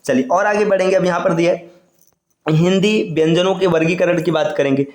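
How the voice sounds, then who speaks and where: A man's voice: high voice, fairly even intonation, a little mellow, roomy sound. A man teaching an online exam-prep lesson, explaining step by step and stretching out sounds as he goes. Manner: explains slowly, drawing out sounds and repeating "है ना".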